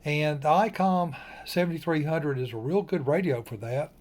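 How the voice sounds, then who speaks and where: A slightly high, darkish-toned male voice delivers this ham radio tutorial at a moderate pace. The host is folksy and straightforward, breaking an informal demonstration into short, step-by-step phrases.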